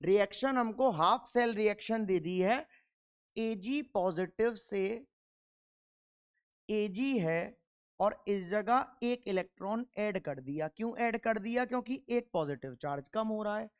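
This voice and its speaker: A man's voice: high-pitched, a little slow, smooth. A male chemistry teacher giving a classroom lecture. He works through problems, keeps asking questions and answering them himself, and drills his points sternly and emphatically through repetition.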